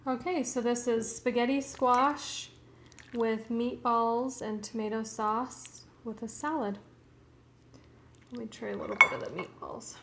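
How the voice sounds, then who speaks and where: A woman narrating a casual cooking vlog in her home kitchen, calmly describing each step as she plates dinner. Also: on the high side, reverberant, noisy background. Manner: slow, homely commentary while plating food.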